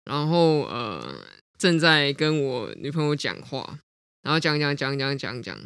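A podcast co-host chats through a personal story in a lively, animated way, breaking into laughter often. The voice sits at a middling pitch and is recorded dry and close. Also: measured pace, no echo. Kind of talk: casual chat, personal storytelling.

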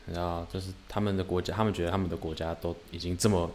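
A woman co-hosting a podcast, chatting casually and reacting with quick exclamations and follow-up questions. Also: very deep voice, steady tone, darkish tone, a little hiss or hum. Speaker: podcast co-host. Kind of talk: casual chat.

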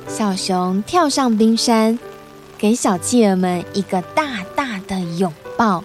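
A woman reading a picture book aloud to children, softly and slowly, with sound-word effects. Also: mid-range voice, animated, soft background music. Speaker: storyteller.

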